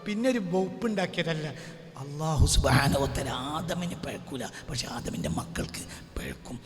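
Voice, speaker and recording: A man's voice: a little high, sing-song, moderate pace, a little hiss or hum. A man preaching a sermon, often dropping to a dramatic whisper. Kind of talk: Islamic sermon with Quran recitation. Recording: reverberant hall, faint music.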